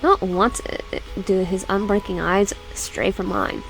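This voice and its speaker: A young adult woman who makes gaming videos on YouTube stumbles through a horror visual novel out loud, with many restarts, then talks casually with her audience. Her voice is mid-range, soft music runs underneath, and the recording is low quality.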